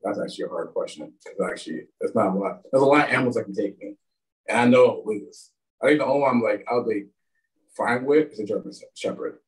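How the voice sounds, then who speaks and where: A man chatting casually as a podcast guest, animated and laughing often. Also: lowish voice, quick pace, far from the mic, rough recording. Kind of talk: casual chat.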